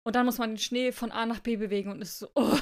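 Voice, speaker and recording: Young female co-host, relaxed chatty delivery, reads storybook lightly. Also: on the high side. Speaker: podcast co-host. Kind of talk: casual chat and storybook reading.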